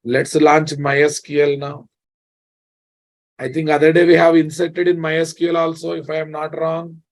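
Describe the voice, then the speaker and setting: A man's voice: fairly high pitch, level tone, moderate pace. An Indian man with a Telugu accent teaches a programming class in an informal, live style. He repeats key phrases several times over and keeps checking in with his listeners as he explains. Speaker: programming instructor. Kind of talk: informal live technical lecture to students.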